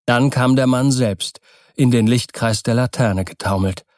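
A man narrating an audiobook in a measured storytelling style, close to the mic. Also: medium pitch, dry recording. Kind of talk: scripted narration.

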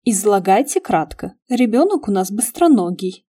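A nosy young man who keeps needling his friends with cheerful questions, as a woman reader puts him on. The voice stays mellow and soft-edged, lifted slightly in pitch. It sounds like a storybook audiobook character. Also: sing-song, normal speed, no room sound, clean studio sound.

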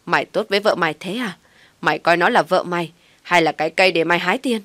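A woman voicing a furious elderly father who shouts harsh insults at his son in a storybook reading. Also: on the low side, quick pace, no room sound, natural voice. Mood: furious shouting.

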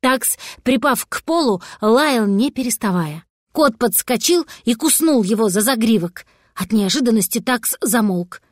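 A woman narrates a children's fairy tale with lively expression. Her voice is a little high, and the recording is close and dry. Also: a little slow, no echo. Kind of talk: storybook reading.

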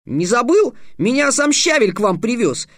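A man's voice: extremely high pitch, sing-song, moderate pace, fairly bright tone, dry recording, studio quality, pitched above the performer's own voice, heavily acted. A man voicing a sulky, boastful young boy apprentice who turns whiny and pleading. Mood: indignant boastful.

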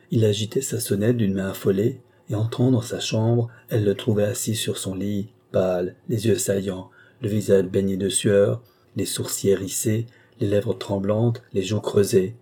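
A man reading a classic novel aloud in a measured, expressive style as an audiobook narrator. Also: on the low side, breathy edge. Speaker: audiobook reader.

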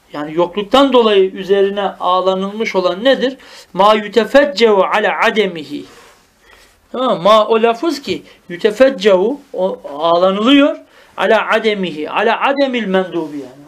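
High-voiced man teaching Arabic grammar. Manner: explains line by line, often asks "tamam mı?"; reads Arabic text slowly and acts out mourning cries. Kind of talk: traditional madrasa lesson.

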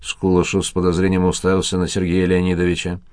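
A man narrating an audiobook in a steady, even reading voice. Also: sits low, quick pace, no room sound. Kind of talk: scripted narration.

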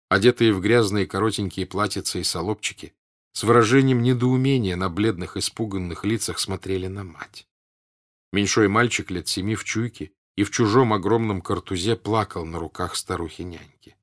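A man narrating a classic novel in a measured, steady audiobook reading. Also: on the low side.

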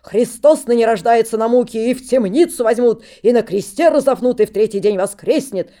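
A man's voice: extremely high pitch, lively intonation, normal speed, voice pushed up. Woman doing a shrieking old holy-fool monk. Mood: prophesying. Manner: shouts in rhyming sing-song outbursts. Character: wild shouting old holy-fool monk, fierce, rhyming.

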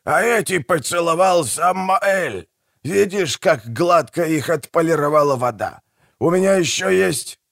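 A toothless old market trader, as a male reader puts him on, all fawning, conspiratorial patter. His voice is gravelly and husky, and it leaps up and down in pitch. The reading is close and dry, with no room sound. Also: animated, measured pace, no echo, full character voice. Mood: wheedling. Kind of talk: audiobook character voice.

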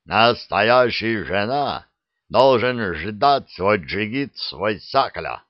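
A man voicing an excitable young mountain groom with a Caucasian accent and broken grammar. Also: lowish voice, extremely slow, no room sound, lo-fi sound. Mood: boastful. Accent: Caucasian-style broken Russian.

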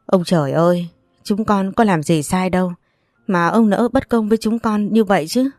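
A woman's voice: mid-range voice, normal speed, darkish tone, no room sound, clean studio sound, faint music behind, close to an everyday voice. A woman voicing a distraught aunt who laments and begs for help in a read-aloud story. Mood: pleading. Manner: pleading, lamenting. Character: distraught aunt, wailing and pleading.

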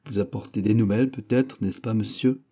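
A man's voice: lowish voice, steady tone, brisk, warm tone. A man voicing an old male servant in an audiobook, with a weak, cracked voice, polite and patiently questioning. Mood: cautious.

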